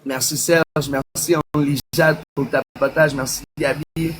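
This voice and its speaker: Outdoors opposite a busy boulevard, a Quebec man speaking with a Québécois French accent hosts a relaxed live stream, talking to his viewers and naming them as he thanks them. He sounds unhurried and level, with a voice on the high side, and soft street noise drifts in.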